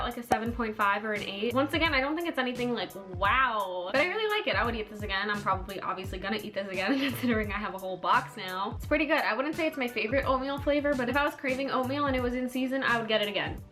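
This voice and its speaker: A young woman vlogging a casual taste test, chatty and candid, with lots of "like" as filler. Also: on the high side. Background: soft background music.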